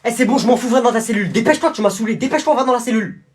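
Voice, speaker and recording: A man's voice: very high-pitched, rapid-fire, voice pushed up. A man voicing an impatient male prison guard who barks orders. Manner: barking orders, exasperated.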